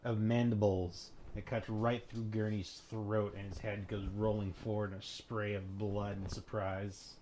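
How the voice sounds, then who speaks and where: A man with a fairly low voice runs a tabletop game as its game master. He narrates scenes with vivid description and drops into loose, casual asides about the rules. There is a faint hiss under his voice. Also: level tone, a little slow, hardly any pauses, dark tone.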